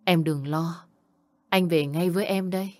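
Woman reading a soft-spoken, devoted young man in a story, low and tender. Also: steady tone, measured pace, close to an everyday voice. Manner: quiet, tender, soothing.

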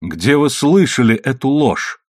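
A man voicing a proud, hot-tempered young nobleman who gives forceful, commanding orders. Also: mid-range voice, sing-song, a little slow, dry recording, clean studio sound, voice pushed up. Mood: demanding.

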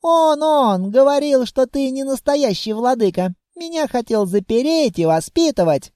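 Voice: high-pitched, animated, a little slow, a little mellow, no echo, clean studio sound, pitched above the performer's own voice. A reader doing a bossy, fierce little girl. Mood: eager tattling. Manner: stubborn, bossy.

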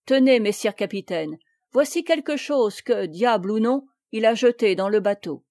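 A woman's voice: fairly high pitch, animated, moderate pace, darkish tone, no room sound, clean studio sound. A woman reading aloud as a loyal male man-at-arms who speaks in a blunt, matter-of-fact way.

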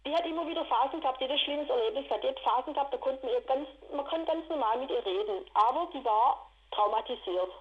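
A woman, telling her own story in an interview, indignant and rushed. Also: high-pitched, animated, lo-fi sound. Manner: agitated, indignant, rushed retelling. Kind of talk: emotional personal account.

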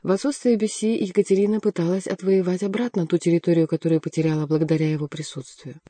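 A woman reads a historical novel aloud in an even, measured way. Her voice is low and mellow, and the recording is close and dry. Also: no room sound. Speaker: audiobook narrator. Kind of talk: scripted narration.

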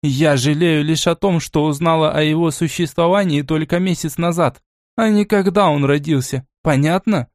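In this audiobook, a man voices a stern, aristocratic old grandmother, speaking in a measured, cool and commanding manner with an angry edge. Her voice sits slightly high and sounds natural. The recording is dry and close.

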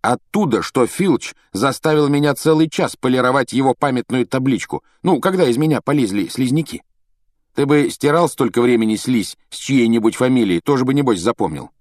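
A man's voice: medium pitch, lively intonation, a little fast, darkish tone, no echo, studio quality, close to an everyday voice. A man voicing an ironic, skeptical schoolboy who makes offhand, mocking remarks in an audiobook reading.

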